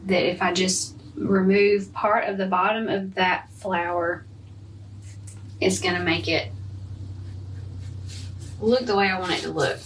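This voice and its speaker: A woman's voice: mid-range voice, steady tone, unhurried, pauses often. Woman chatting while she paints. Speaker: art teacher. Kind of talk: live painting lesson. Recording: from a distance, faint room noise.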